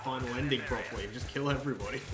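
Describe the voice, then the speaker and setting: Chatty man over loud game music. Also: mid-range voice, steady tone, rapid-fire, reverberant. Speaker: let's play co-commentator. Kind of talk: casual gaming commentary.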